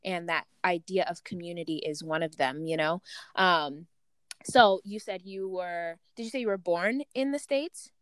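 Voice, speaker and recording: Animated woman host, smooth low voice. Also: moderate pace, no room sound. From Uganda. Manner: animated, hesitant restarts. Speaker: interviewer, host. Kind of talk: conversational interview.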